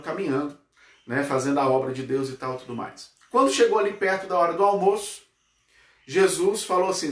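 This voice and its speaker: A man's voice: high-pitched, far from the mic. Brazilian man preaching in an echoey hall. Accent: Brazilian Portuguese. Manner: conversational, frequent tag questions, slows for emphasis. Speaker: Sunday school teacher. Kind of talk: storytelling sermon. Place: church hall.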